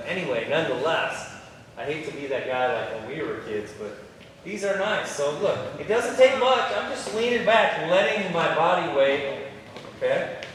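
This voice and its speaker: A man's voice: a little high, a bit bright, a little hiss or hum. A man coaching a football drill, talking in a folksy, encouraging way as he explains and demonstrates to players and coaches. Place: large indoor training hall. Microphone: far from the mic. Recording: echoey hall recorded from far off. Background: crowd of players.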